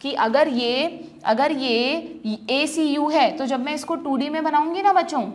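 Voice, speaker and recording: A woman biology teacher giving an exam-prep lecture, explaining step by step, calling her students children and often checking that they follow. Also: high voice. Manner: addresses students as children, mixes English terms into Hindi.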